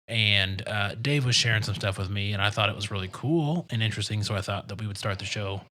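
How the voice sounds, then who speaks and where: A man's voice: lowish voice, fast talker, pushed and bright. A man hosting a podcast in casual chat, joking and chatty, with some stumbles. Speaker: podcast co-host.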